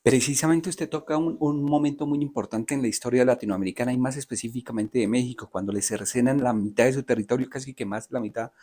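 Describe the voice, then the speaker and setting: A man's voice: medium pitch, fairly even intonation, quick pace, few pauses, warm tone. A Colombian man in the interviewer's chair with an ordinary mid-range voice. He asks long, polite questions, building them up clause by clause before handing over to his guest.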